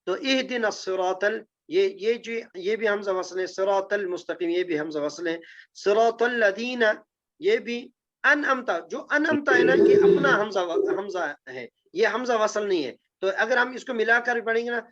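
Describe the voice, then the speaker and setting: High-pitched, animated and slightly bright, the man leads a classroom lesson on Quranic Arabic grammar that includes recitation. He breaks things down step by step, asking his students again and again if they follow. It's a dull, lo-fi recording.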